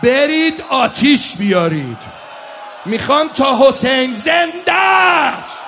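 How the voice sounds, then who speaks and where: Man shouting as a ruthless commander. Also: very high-pitched, expressive, faint music behind, a faint crowd, voice pushed up, full character voice. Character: cruel male commander ordering tents burned.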